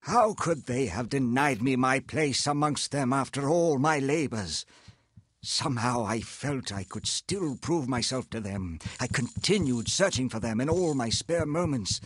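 A man playing a wealthy self-made inventor in a video game, telling his story in a measured, earnest, formal way, proud and regretful. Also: medium pitch, expressive, a bit bright, breathy edge, dry recording. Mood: haunted, bitter. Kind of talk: reading video game dialogue aloud. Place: indoor home streaming setup, close and dry.

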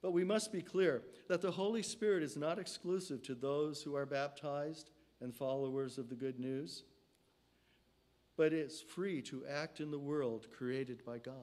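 Standing at a lectern in a church sanctuary, an older man preaches in a mid-range voice, his slow, deliberate phrases sinking and softening at each line's end. A stand mic in the sanctuary records him.

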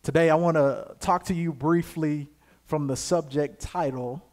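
A young man, preaching a sermon as pastor, moving from calm scripture reading to loud, emphatic exhortation. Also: fairly high pitch, unhurried.

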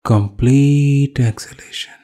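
Here a male yoga instructor with an Indian accent conducts a guided meditation at a medium pitch. Between his calm, brief phrases of instruction come steady pauses.

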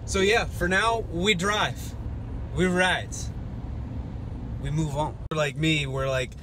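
A young man with a slightly high, steady voice talks slowly to the camera while driving his pickup truck, rambling, joking and breaking into goofy outbursts. He's a fishing vlogger filming casually on a phone or action camera held at arm's length, with road noise from the moving vehicle underneath.

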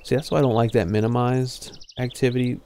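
Playing a fishing game on a live stream, a young man casually explains it through a headset mic, his mid-range voice steady, fairly quick and darkish, with a little hiss or hum. He drifts into fillers and trailing thoughts.

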